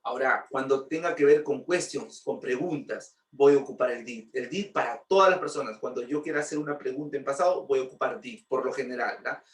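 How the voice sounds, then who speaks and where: Talking fairly quickly with hardly any pauses, a man with a mid-range voice explains English grammar. He patiently repeats points and checks with rhetorical questions, though he's heard off-mic in a roomy room.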